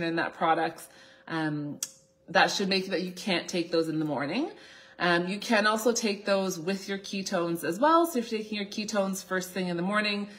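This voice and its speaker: A woman's voice: on the low side, fairly bright tone. A woman in her thirties with a slight cold, explaining things as a doctor on an informal live Q&A. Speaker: naturopathic doctor hosting a live Q&A. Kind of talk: informal live question-and-answer talk. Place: small indoor office, seated at a desk.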